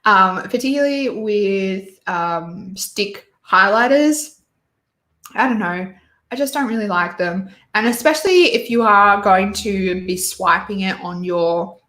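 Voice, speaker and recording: A woman's voice: mid-range voice, a little slow, bright, forceful tone, roomy sound. A woman hosting a casual beauty chat, opinionated and rambling, with lots of fillers and restarts. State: hiccups and sneezy. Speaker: beauty YouTuber host. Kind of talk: casual livestream chat reviewing releases.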